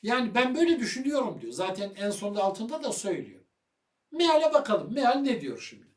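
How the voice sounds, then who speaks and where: A man giving heated video commentary on religious matters, loud and fiery, firing rhetorical questions at his listener. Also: sits high, big pitch swings, fairly quick, reverberant, distant mic.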